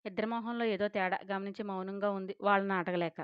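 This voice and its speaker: A woman host narrates a scripted audio story at a brisk, even pace. Her voice sits at a middle pitch, recorded close and dry with a slightly dull, lo-fi sound. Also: smooth, no room sound.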